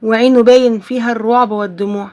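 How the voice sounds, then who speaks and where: Egyptian-accented female storyteller, dramatic, confiding, slightly high voice. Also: steady tone, very fast, darkish tone, highs cut off. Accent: Egyptian Arabic. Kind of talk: first-person story narration.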